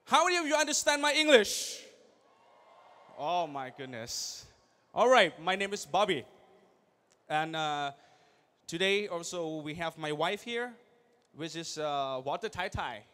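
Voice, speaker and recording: A young man speaks on stage at a big convention, his voice sitting high for a man. He is energetic and keeps throwing questions out to the audience, pushing them to answer. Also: measured pace, pauses often. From Thailand. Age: young adult. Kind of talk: motivational stage speech. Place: large convention hall.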